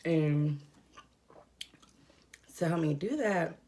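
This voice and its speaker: At home indoors, a young adult woman draws out her words in a deep voice while eating a mukbang meal. The mukbang vlogger's casual talk is rambling and filler-heavy, relaxed in tone, with heavy breathing from a cold.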